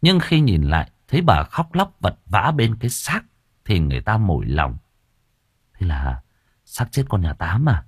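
A man narrating a story in a lively, expressive reading. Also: low voice, moderate pace, husky, no echo, clean studio sound. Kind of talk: audiobook narration.

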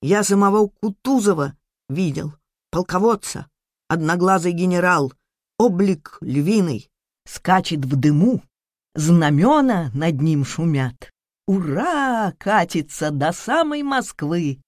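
A woman reading a story, voicing a dying old male soldier who boasts and barks commands in a lowered, gravelly voice. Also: expressive, slow pace, dry recording, clean studio sound. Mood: boastful. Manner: loud barked commands.

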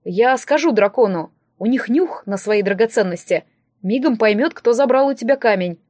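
A woman voicing a caring young man who talks in an easygoing, gently teasing way. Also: a little high, lively intonation, normal speed, dry recording, studio quality. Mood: concerned.

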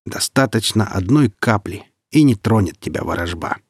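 A man reading the part of a boastful, grim northern warrior who speaks in an unhurried, mocking way. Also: on the low side, expressive, slightly rough, no echo, studio quality.

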